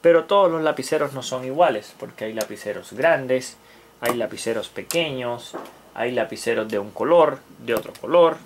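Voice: mid-range voice, moderate pace, a little hiss or hum. A teacher giving a math lesson to young children, patiently repeating key words and counting aloud while writing.

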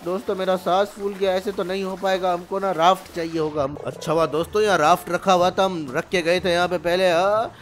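A male gaming YouTuber giving playful, excitable let's-play commentary and chattering to the animals in his game. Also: high-pitched, a little fast, hardly any pauses, faint music behind.

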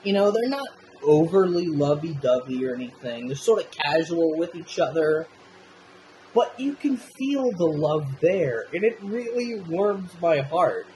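A man chatting through a film review with loose, unscripted enthusiasm and a casual habit of swearing. His pitch swings widely as he gushes, and a faint noise hums in the background. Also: animated, measured pace, mellow, poor audio.

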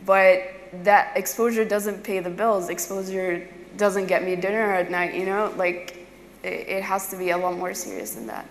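A woman's voice: mid-range voice, normal speed, a little hiss or hum. A young woman, a design student, speaking earnestly and candidly on a panel stage. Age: young adult. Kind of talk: panel discussion. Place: stage in a large event hall. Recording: echoey hall with faint ambience.

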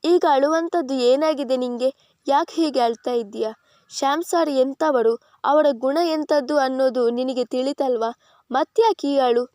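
A woman's voice: high voice, moderate pace, warm tone, no room sound, studio quality, close to an everyday voice. A woman reading a helpless, weary father. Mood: pleading.

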